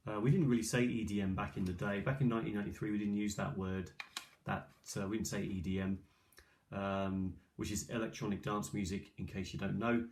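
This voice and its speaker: This middle-aged man talks fairly quickly in a flat, lowish, darkish voice while casually presenting old cassette tapes at his kitchen table. He rambles, hesitates and muses aloud, and his ageing iPad's built-in mic gives a clearly noisy recording with clicks.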